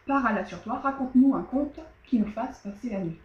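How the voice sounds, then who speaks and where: A woman's voice: on the high side, fairly quick, roomy sound, dull audio, lightly acted. A woman voicing an eager young sister asking for a story.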